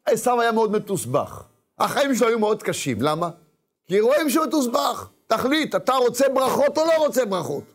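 A man preaching with a high voice. He talks in an animated way, acting out the inner voices of the people he describes and sometimes calling out loud. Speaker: rabbi. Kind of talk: sermon.

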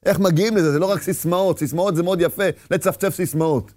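A man's voice: high voice, a little mellow, no echo. A man giving a Torah lecture with passion, firing rhetorical questions and acting out inner voices. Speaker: religious teacher.

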